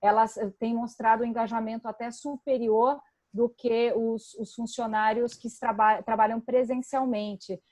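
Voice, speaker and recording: A woman's voice: fairly high pitch, little pitch movement, normal speed, darkish tone. A Brazilian woman moderating an online discussion conversationally and handing over to participants. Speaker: roundtable moderator.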